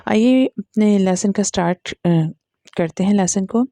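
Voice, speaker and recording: A woman's voice: medium pitch, a little slow, mellow, no room sound. A woman teaching Quran reading, patiently drawing out and demonstrating each letter in a step-by-step lesson with an Urdu-Hindi accent. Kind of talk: slow step-by-step recitation lesson.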